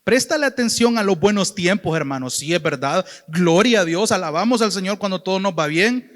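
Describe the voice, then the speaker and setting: A man's voice: sits high, expressive, a little fast. A man with a Salvadoran accent preaching a sermon, earnestly addressing his listeners as brother and sister. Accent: Salvadoran Spanish. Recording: long hall reverb.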